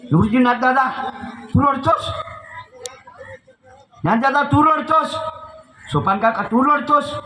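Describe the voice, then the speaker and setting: A man's voice: animated, a little slow, pauses often, sharp tone, heavily acted, poor audio. A man voicing a small, bewildered girl who pleads tearfully with her older brothers. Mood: pleading. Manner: high, pleading, tearful questioning.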